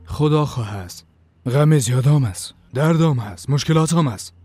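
A man's voice: medium pitch, expressive, a little mellow, no room sound, lightly acted. A man dubbing a worried grown son who earnestly pleads with his father. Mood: pleading. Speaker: dubbing actor. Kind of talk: dubbed TV drama.

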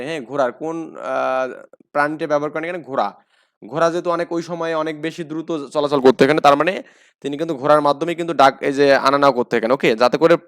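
Quizzing Bangladeshi male tutor, somewhat high voice. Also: clear, resonant tone. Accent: Bangladeshi Bengali. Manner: asks questions and answers them himself; repeats key facts, frequent fillers. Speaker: exam-prep teacher. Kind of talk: explaining lecture.

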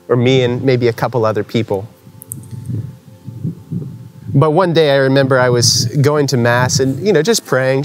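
A young man giving an earnest personal faith testimony at a conference, telling his story conversationally with frequent fillers. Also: mid-range voice. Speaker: conference speaker.

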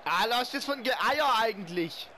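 A man's voice: extremely high pitch, lively intonation, measured pace, sharp tone, slight background noise. A man reacting to a video game in a berserk rage, screaming and swearing in casual slang. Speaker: video gamer.

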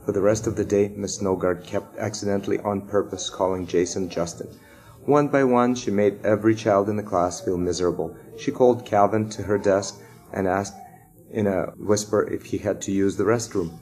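Low-voiced man reading a storybook. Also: steady tone, normal speed, a little mellow, soft background music, rough recording. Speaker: reader for sixth graders. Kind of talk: reading a children's chapter book aloud.

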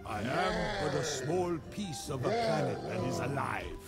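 An actor playing a bombastic, mischievous older god who narrates a video game tale in a theatrical, scornful way. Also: male voice, on the high side, sing-song, measured pace. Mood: grand storytelling. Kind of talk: animated storytelling in a comedic video game. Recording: loud game music and effects behind.

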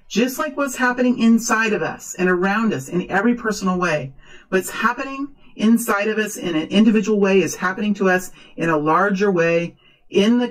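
A woman speaking as a fortune teller, improvising a tarot reading in earnest, halting, repeated short phrases. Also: mid-range voice, low-quality recording. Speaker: tarot reader, host.

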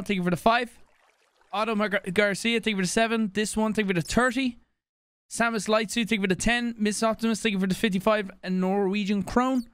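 A young man livestreaming from a small home room into a studio mic, reading out donor names and thanking them in a quick, loose patter. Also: high-pitched, a bit bright, clean tone, dry recording. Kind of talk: casual stream chat reading donations. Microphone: studio mic on boom, headphones on.

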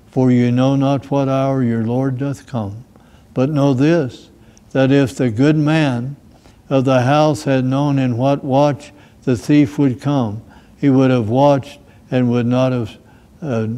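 An older American man, a pastor, giving a sermon with scripture readings and prayer in a slow, measured way. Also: medium pitch, mellow. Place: small church room with plants behind.

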